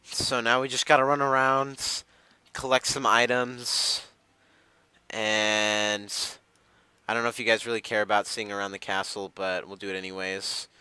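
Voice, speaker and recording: A man's voice: on the low side, steady tone, moderate pace, bright, forceful tone, clear, resonant tone, dry recording, rough recording. A young man giving casual gameplay commentary, rambling with many fillers and restarts. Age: young adult. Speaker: gamer.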